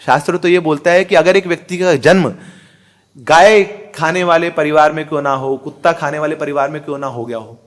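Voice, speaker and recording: A man's voice: on the high side, fairly even intonation, fairly quick. A middle-aged man giving a spiritual discourse, asking rhetorical questions, chanting verses and mixing in English words. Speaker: spiritual teacher. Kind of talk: Hindi religious discourse.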